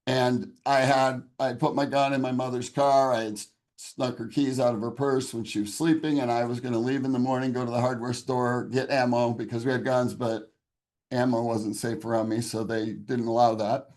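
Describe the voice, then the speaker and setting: A man's voice: mid-range voice, flat delivery, moderate pace, darkish tone. A man with a mid-range voice gives a raw, earnest personal testimony in an interview. He talks in a conversational way, with emotion running through his storytelling. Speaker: interview guest.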